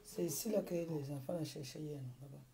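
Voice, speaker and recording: Low-voiced woman livestreaming amid crowd noise. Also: brisk, gravelly. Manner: repetitive, greets viewers over and over; keeps urging viewers to share. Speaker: live streamer. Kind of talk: casual live stream chat.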